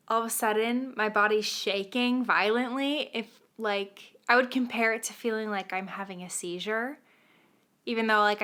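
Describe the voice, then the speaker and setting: A woman co-hosting a casual podcast tells her story with a clear, bright tone. She laughs a lot and sinks into a near whisper when things get tense. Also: medium pitch. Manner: animated, laughs often, drops to a hush for tense moments. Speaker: podcast co-host.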